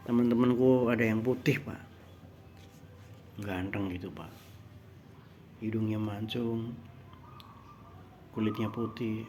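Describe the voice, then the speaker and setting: A man voicing an upset little schoolboy who complains to his father, speaking more softly and plaintively. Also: lowish voice, steady tone, slow, pauses often, a little hiss or hum.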